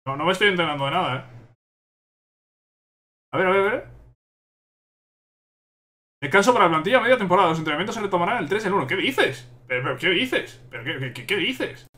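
A young man commentates live on his football management game. He gets exasperated and repeats the same questions over and over. His voice is bright and tense and sits a little high. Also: sing-song, a little fast, pauses often. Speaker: gaming YouTuber.

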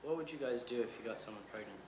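An actor playing a nervous teenage boy who speaks quietly and evasively, on roomy old TV audio with faint hiss. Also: medium pitch, rapid-fire, lightly acted.

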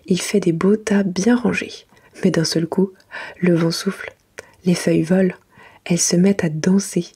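A woman narrates a children's bedtime book in a very breathy, mostly whispered ASMR voice. Her pitch sits a little low. She reads gently and carefully, as if to young children. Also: steady tone, normal speed. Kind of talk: soft whispered ASMR bedtime story reading.

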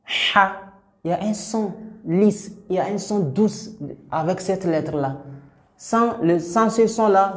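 A man teaching Arabic letters step by step, slowly repeating each sound for learners to copy. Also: high-pitched, darkish tone, roomy sound. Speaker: Quran teacher.

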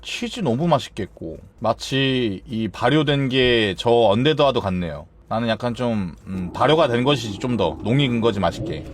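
A man's voice: mid-range voice, lively intonation, moderate pace, few pauses, a little hiss or hum. A man streaming a game and chatting casually, playful and theatrical, swinging between squeals and mock-stern grumbling.

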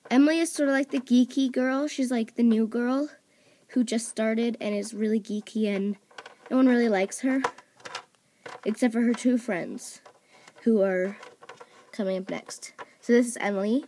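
A woman with a fairly high, steady and mellow voice speaks at a moderate pace, off-camera at home, introducing toy characters on a table as the host of voice auditions for her channel. Her chatter is casual and rambling, studded with "like" and "um" and self-corrections, and a phone or camera mic leaves a faint hiss or hum.

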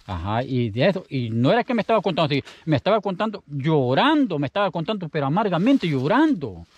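A man's voice: a little high, sing-song, fast, husky, dry recording, muffled recording. A Salvadoran man telling a story in casual, rambling speech, often repeating himself. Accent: Salvadoran Spanish. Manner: chatty, rambling, repeats his words. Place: outdoors in the countryside.

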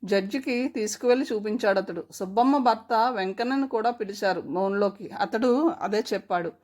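A woman's voice: medium pitch, normal speed, a little mellow. A woman narrating a story aloud and reading every character's lines herself, with small changes of voice. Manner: reads every character in her own voice, with small shifts.

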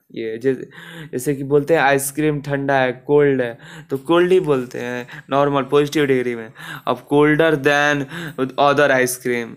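Smooth-voiced male grammar teacher. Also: mid-range voice. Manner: explains step by step with many fillers and restarts. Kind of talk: grammar lesson.

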